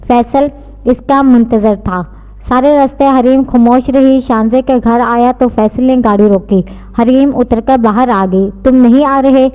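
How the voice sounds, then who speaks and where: A woman narrating a novel in an even, steady reading voice. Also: on the high side, measured pace, lo-fi sound. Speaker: story narrator. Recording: long reverb.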